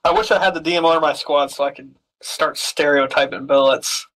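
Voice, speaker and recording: A man's voice: fairly high pitch, fairly even intonation, a little fast, a bit bright, rough recording. A man teasing his squadmates and laughing through casual voice chat while gaming.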